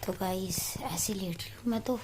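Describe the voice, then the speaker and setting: A young woman chatting casually to her viewers in a home vlog, talkative and quick to laugh. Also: medium pitch, background noise. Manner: chatty, laughs often, addresses viewers as guys. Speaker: vlogger. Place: home, indoors.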